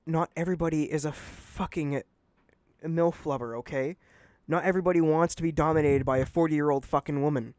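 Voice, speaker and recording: A man's voice: on the high side, brisk, a little mellow, dry recording, studio quality. A man hosting a casual podcast chat and reading aloud, blunt and swearing a lot. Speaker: podcast host.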